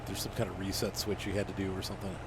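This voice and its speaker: A man's voice: low voice, level tone, very fast. A man with a badly plugged nose, sick with allergies, giving casual, folksy, rambling commentary as a gaming channel host. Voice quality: congested, stuffed-up nose. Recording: noticeable noise behind the voice.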